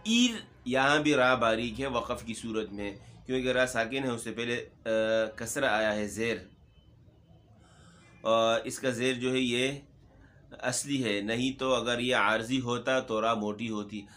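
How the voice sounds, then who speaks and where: A man teaching Quran recitation, briskly and patiently explaining pronunciation rules to learners. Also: medium pitch, fairly even intonation, a bit bright.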